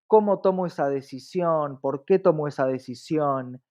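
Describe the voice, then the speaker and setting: This interview guest, a woman with an Argentine accent, has a deep, slightly mellow voice and talks at an ordinary pace. Her explanations are reflective and conversational, punctuated by rhetorical check-ins.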